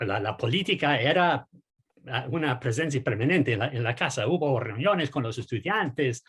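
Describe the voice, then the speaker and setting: Hesitant man in his sixties, husky. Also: medium pitch, animated, normal speed. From United States. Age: 60s. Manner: hesitant, many repeated words and fillers. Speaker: guest political scientist. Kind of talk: casual interview answers.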